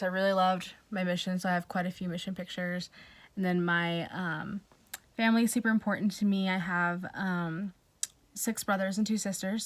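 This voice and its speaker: Young woman in her 20s from Idaho, college student introducing herself to a webcam at home, earnest, filler-heavy. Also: fairly low pitch. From Idaho, United States. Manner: earnest, halting, many filler ums. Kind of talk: recorded class self-introduction. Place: room at home with pictures on the wall behind her.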